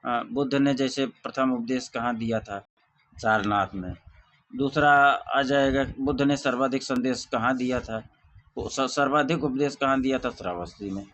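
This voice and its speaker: A man teaching an exam revision lesson, reciting questions and answers in a steady drilling way. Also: mid-range voice, moderate pace. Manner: softer, chatty sign-off to viewers.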